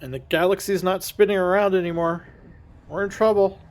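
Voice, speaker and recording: A man streaming a space game, thinking out loud in a casual, rambling way and correcting himself as he goes. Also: sits high, steady tone, brisk. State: has the hiccups. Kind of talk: casual gameplay commentary.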